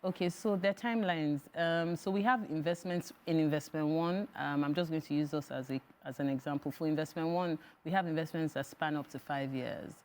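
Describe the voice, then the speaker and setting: A woman's voice: low-pitched, fairly quick, hardly any pauses, a little mellow. A woman with a Nigerian accent explaining things step by step as an expert guest in a studio interview. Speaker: financial firm executive, interview guest.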